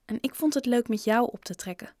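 A woman's voice: on the high side, brisk, a little mellow, no echo, clean studio sound, pitched above the performer's own voice, lightly acted. Woman voicing a nervous twelve-year-old boy. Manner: hesitant, apologetic.

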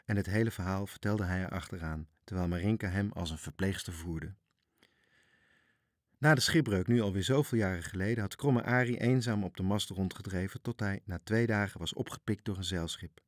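A man reads a storybook aloud in a low, measured voice. He reads with expression, and the recording is dry and close. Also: no room sound. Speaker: narrator. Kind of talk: storybook reading.

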